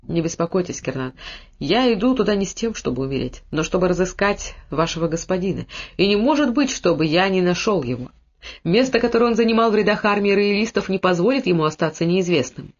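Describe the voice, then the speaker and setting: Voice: mid-range voice, expressive, a little fast, close to an everyday voice. A reader voicing a devoted, brave young nobleman who speaks with impassioned earnestness, on a dull lo-fi recording.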